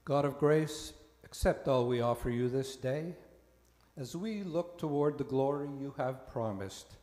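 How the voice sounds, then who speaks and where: A man acting as presiding minister, leading a liturgical prayer in a slow, measured intoning voice, with a long cathedral-like echo in a large church. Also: mid-range voice, a little mellow. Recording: echoey church hall with music.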